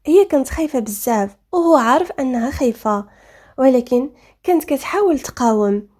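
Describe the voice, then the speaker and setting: A woman with a Moroccan accent narrates a story in a calm, measured reading voice. Her voice sits high, with a mellow, soft tone. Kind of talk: scripted narration.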